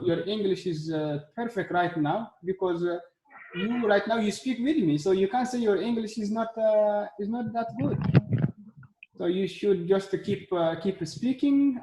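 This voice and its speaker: A man hosting a casual language practice session, encouraging and repeating his words as he talks. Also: sits high. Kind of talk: casual group conversation. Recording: echoey room with faint noise.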